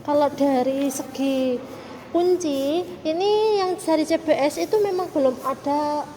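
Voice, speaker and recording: A woman's high-pitched voice rings in a reverberant space over clear noise. She speaks as a salesperson, in a courteous, formal customer service manner. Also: a little slow, mellow. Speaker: motorcycle showroom salesperson. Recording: reverberant, noisy room with vehicle sounds.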